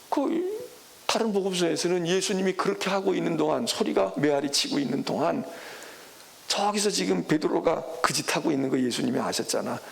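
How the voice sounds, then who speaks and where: A middle-aged male pastor preaching a sermon who acts out biblical voices, switching between loud exclamations and hushed whispers. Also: fairly high pitch, creaky. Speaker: senior pastor. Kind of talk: expository sermon.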